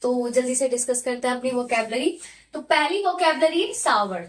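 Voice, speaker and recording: A woman's voice: high voice, measured pace. A young woman teaching English vocabulary, explaining word meanings in Hindi mixed with English, her throat a little sore. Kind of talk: vocabulary lesson.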